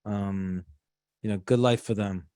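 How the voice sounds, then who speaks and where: A man's voice: lowish voice, steady tone, a little slow, mellow, clean tone, no room sound, clean studio sound. A middle-aged man with a Queens accent giving casual, blunt market commentary in a conversational way, leaning on "like" and "you know". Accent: Queens, New York. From Queens, New York. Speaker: guest investment strategist.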